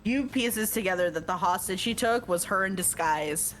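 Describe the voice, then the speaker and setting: A woman with a slightly bright, mid-range voice reads at a moderate pace, with soft music playing behind her. It's let's-play narration of a visual novel, read evenly and punctuated by jokes and laughter with a co-player.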